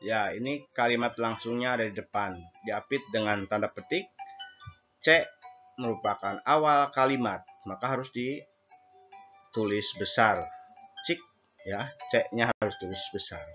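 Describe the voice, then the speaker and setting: A man's voice: lowish voice, measured pace, long pauses, muffled recording, over music. A man teaching a recorded grammar lesson, explaining patiently and translating each point between two languages.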